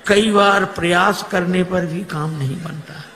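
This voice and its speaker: A male preacher tells a humorous religious story, switching into voices for each character. His fairly high voice has a gravelly edge. The sound rings with a long reverb, as if from a big hall. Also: a little slow, a little hiss or hum. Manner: animated, acting out characters' voices with humour. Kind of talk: storytelling sermon.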